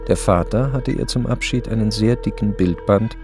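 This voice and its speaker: A male narrator reads a radio play in a calm, measured way. His voice is low and gravelly, and faint music plays behind him. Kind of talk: scripted narration.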